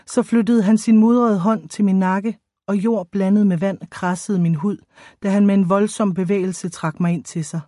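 A woman reading a first-person audiobook in a measured, expressive storytelling way, close to the microphone. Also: mid-range voice, no echo. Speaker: audiobook narrator.

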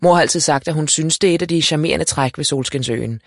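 A man narrating a first-person storybook in a lively, wry way. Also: fairly high pitch, no echo, clean studio sound. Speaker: audiobook narrator.

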